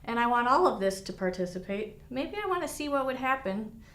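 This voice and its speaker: A woman's voice: on the high side, lively intonation, fairly quick, fairly bright tone. A woman teaching viola technique to students in a studio, explaining with vivid images and encouraging tone. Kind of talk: instructional lesson with demonstration. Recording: echoey room.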